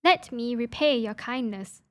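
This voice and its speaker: Woman reading a weak old lady begging for water, soft and slow, storybook voice. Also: fairly high pitch, lively intonation. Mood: kindly. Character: weak, parched old woman who turns magical.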